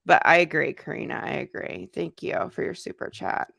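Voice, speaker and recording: Animated and gravelly, with a lowish, slightly bright voice at normal speed, this American woman chats through her livestream in loose fragments, responding to viewer comments. She is a YouTuber, and the dry recording has studio quality.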